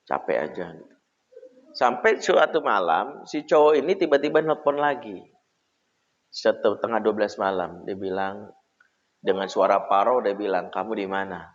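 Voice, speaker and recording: A man, an Islamic preacher, giving a casual parenting talk and telling a story in an animated, conversational way. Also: fairly low pitch, normal speed, pauses often. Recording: echoey hall, dull lo-fi sound.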